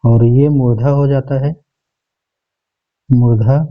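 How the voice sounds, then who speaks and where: Male teacher, mid-pitched, methodical exam walkthrough, lo-fi recording. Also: fairly even intonation, takes it slowly. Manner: methodical, reads out each option, repeats "okay" often. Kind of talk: exam paper walkthrough lesson.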